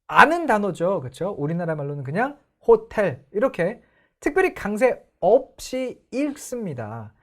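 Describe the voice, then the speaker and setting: A woman's voice: medium pitch, big pitch swings, a little slow. A young woman teaching English pronunciation in an online lecture, explaining and putting questions to the viewers.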